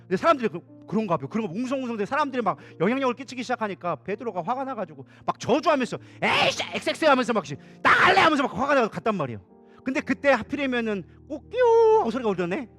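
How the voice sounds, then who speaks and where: Male pastor, sermon, very high voice, fast-talking, casual storytelling, faint music behind. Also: expressive. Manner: colloquial storytelling, acting out quoted dialogue. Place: church sanctuary.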